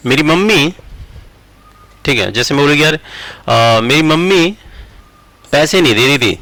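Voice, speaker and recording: Bright male teacher. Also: a little high, expressive, no room sound, rough recording. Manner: slow word-by-word dictation, repeating phrases. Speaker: English teacher. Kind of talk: explaining grammar while writing examples.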